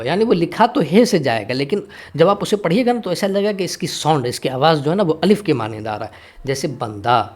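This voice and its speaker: A man teaching Urdu grammar for an exam. He asks the class questions and answers them himself, often checks in with "theek hai", and mixes in English words. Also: mid-range voice. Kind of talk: exam-prep grammar lesson.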